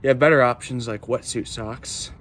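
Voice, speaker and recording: Young or canadian guy doing a casual outdoor vlog, halting speech in the cold, noticeable background noise. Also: mid-range voice, fairly even intonation. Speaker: vlogger. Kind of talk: casual unscripted vlog chat to camera. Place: outdoors in cold stream under a small bridge. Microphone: handheld phone or camera.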